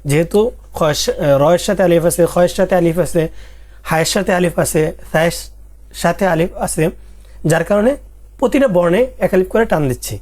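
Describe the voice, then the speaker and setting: A teacher giving an Arabic alphabet lesson, repeating each letter slowly and asking and answering quiz questions. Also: mid-range voice, darkish tone.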